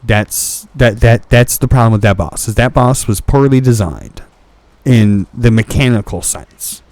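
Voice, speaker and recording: Frustrated man ranting slowly over a dry mic. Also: mid-range voice, a little mellow, no echo. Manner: frustrated, repetitive restarts, swears often. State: hiccups. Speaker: gaming channel host. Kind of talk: ranting game commentary.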